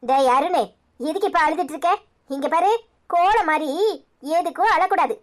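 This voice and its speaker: A woman's voice: high voice, normal speed, lightly acted. A woman voicing a caring young mother and wife in a cartoon serial, speaking with a Tirunelveli Tamil accent, soothing her children and blaming herself. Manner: soothing with children, anxious with husband.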